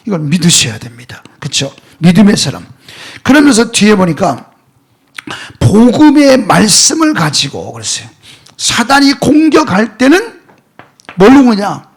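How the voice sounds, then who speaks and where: A man's voice: sits high, vocal fry, slightly rough. A male pastor preaching a sermon, emphatic and full of rhetorical questions, at times dropping to a near-whisper. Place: church sanctuary.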